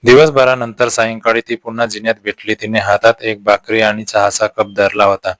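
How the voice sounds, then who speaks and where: A man narrating a romantic story in the first person, in a slow, gentle, hushed manner. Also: lowish voice, little pitch movement, no echo.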